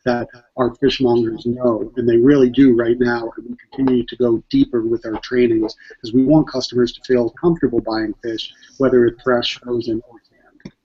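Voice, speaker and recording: A man's voice: mid-range voice, flat delivery, moderate pace, husky, muffled recording. A man speaking for a grocery chain's seafood side, talking steadily and practically in a panel discussion.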